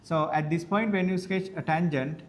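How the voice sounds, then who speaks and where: A male maths teacher, dictating lecture notes slowly and repeating each phrase so students can write it down. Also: on the high side, steady tone, a little hiss or hum. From Sri Lanka. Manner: repeats phrases slowly for note-taking, spells words out.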